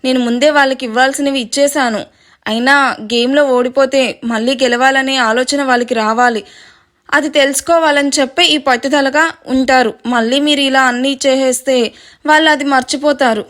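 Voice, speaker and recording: A woman's voice: high-pitched, normal speed. A woman reading the lines of a spirited, bossy young woman who teases and lectures. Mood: teasing. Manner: lively, teasing, lecturing.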